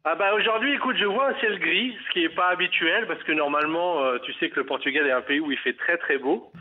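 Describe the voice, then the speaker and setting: Radio caller, Parisian man, slightly high voice, halting, heard over a tinny phone line. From Paris, France. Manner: hesitant, many fillers and restarts. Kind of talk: phone interview. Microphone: telephone.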